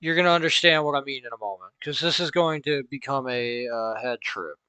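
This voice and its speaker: A man's voice: mid-range voice, fairly quick, sharp tone, clean tone, no echo. A man with a Southern US accent talking through logic notation in a casual, thinking-aloud tutorial with chuckling asides. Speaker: math logic streamer. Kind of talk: casual screen-recorded tutorial.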